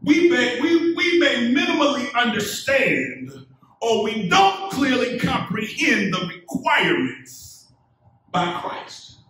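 This middle-aged man is a pastor delivering a sermon in measured phrases, rising toward emphatic calls that the congregation answers. His voice is very high-pitched, sing-song and a bit bright. The audio comes from a distance inside a medium-sized church sanctuary and carries a lot of echo.

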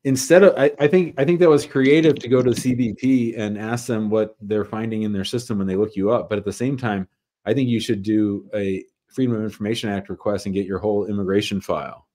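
A man's voice: fairly low pitch, fairly even intonation, brisk, darkish tone. A middle-aged man hosting an immigration advice call-in show over a video call, methodically recapping the caller's facts step by step. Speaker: immigration lawyer and show host. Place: home office. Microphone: webcam on a video call.

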